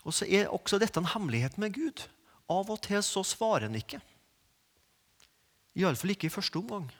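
A man preaching a sermon, moving from quiet reflection to emphatic, rising peaks. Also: high voice, very animated. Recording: long reverb of a large hall.

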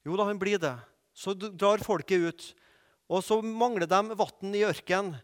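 Male preacher, kinda high voice, chatty storytelling sermon, long echo like a big hall. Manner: lively storytelling with asides and questions to the audience.

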